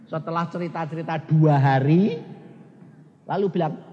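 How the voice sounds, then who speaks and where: A male evangelist tells stories in a sermon. He is animated and swings between loud exclamations and low asides. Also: moderate pace, lo-fi sound, a little hiss or hum. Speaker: evangelist preacher. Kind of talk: storytelling sermon. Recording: long church hall reverb.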